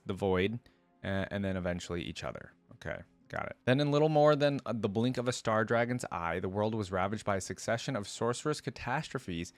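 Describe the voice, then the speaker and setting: This video creator, a man with a lowish voice recorded without echo, reacts to game lore by reading a story aloud. He keeps breaking into casual commentary, pausing to dissect and paraphrase each passage.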